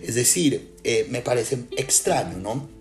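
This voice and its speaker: A man from Colombia with a Colombian accent, a writer and lecturer musing in a casual, thoughtful way with many pauses and restarts. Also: mid-range voice, expressive, darkish tone. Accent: Colombian Spanish. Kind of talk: casual reflective talk. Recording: music clearly behind.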